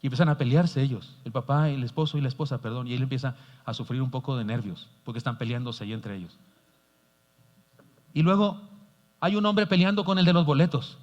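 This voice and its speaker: A man preaching a sermon as pastor, telling a story in an earnest, animated way. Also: medium pitch, brisk. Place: church sanctuary. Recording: dull sound, long church reverb.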